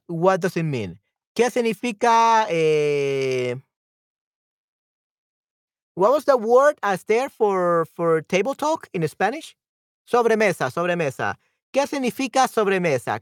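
Hosting a live-stream language lesson, a cheerful man with a high-pitched voice laughs easily, repeats phrases slowly and moves between two languages. The audio is clean studio sound with no echo.

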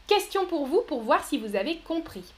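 A woman giving a live pronunciation lesson, speaking slowly and carefully, repeating each word and laughing softly now and then. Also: high voice, big pitch swings. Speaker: French teacher.

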